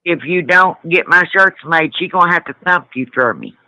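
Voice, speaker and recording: A middle-aged man chats casually as a caller, blunt and folksy. His voice is extremely bright and edgy, slightly high for a man, with a dry sound. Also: normal speed, no echo, low-quality recording. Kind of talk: casual chat.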